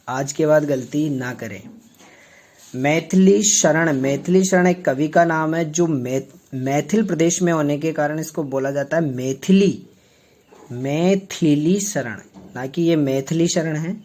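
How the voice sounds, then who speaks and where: A man from Rajasthan teaching a spelling lesson, repeating words slowly and checking with quick questions. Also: on the high side, a little mellow.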